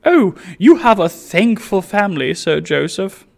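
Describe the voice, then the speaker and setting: Man doing a shrill old aristocratic lady, haughty, scandalized, very high voice, storybook reading. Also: sing-song, a little slow, creaky, exaggerated voice. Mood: eager. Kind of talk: audiobook reading.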